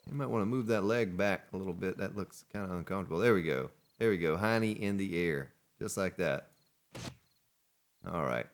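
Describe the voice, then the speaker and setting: A man hosts a let's play, casually commenting on his gameplay and chatting and joking with the characters on screen. He speaks at normal speed in a deep voice, with long pauses.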